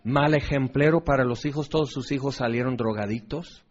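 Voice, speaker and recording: A man's voice: mid-range voice, normal speed. A man teaching a Bible study in a conversational way, often asking rhetorical questions and checking in with his listeners. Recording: dull lo-fi recording.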